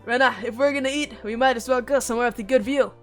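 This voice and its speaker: A woman voicing a confident, bossy teenage class leader, loud and commanding. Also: a little high, steady tone, quick pace, faint music behind, natural voice. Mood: bold.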